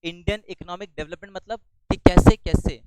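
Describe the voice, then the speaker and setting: A male teacher giving a classroom lecture. He talks loudly, asks the class questions and then answers them himself. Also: sits high, a little fast, clean tone, no room sound, poor audio.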